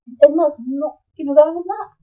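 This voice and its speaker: A woman's voice: sits high, normal speed. A woman guest on a podcast, talking in an earnest, emphatic way and repeating phrases for stress. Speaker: guest, migration wellbeing coach. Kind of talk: casual podcast chat. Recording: tinny phone-like line.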